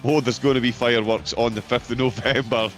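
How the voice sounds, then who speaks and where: A man's voice: medium pitch, steady tone, a little fast, soft background music. A man, commentating on a sim racing event in an enthusiastic, upbeat way. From Britain. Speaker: race commentator.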